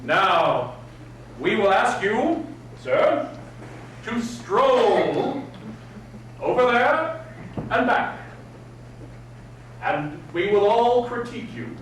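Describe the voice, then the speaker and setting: Prim, high-voiced man in an echoey room. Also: sing-song, very slow, pauses often, a bit bright. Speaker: etiquette class instructor. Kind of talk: live class demonstration with formal, old-fashioned Victorian wording. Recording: very echoey room, distant mic, faint noise.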